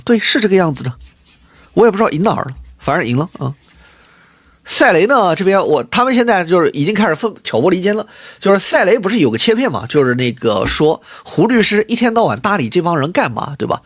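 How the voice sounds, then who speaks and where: Fast, husky man ranting on a livestream. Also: high voice, no room sound. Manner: excited, ranting, repeats himself. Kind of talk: livestream rant.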